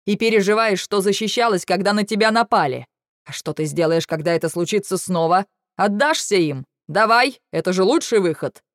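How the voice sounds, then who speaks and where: A woman's voice: low-pitched, fairly quick, warm tone, no echo, clean studio sound. A woman voicing a young male dragon who is caring but stern, patient at first and then sharply scolding, in an audiobook. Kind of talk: audiobook narration.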